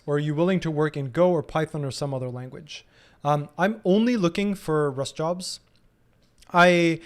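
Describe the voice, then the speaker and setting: A man in his thirties answering viewer questions casually in a live stream, thinking aloud with frequent ums and restarts. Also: fairly high pitch. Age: 30s.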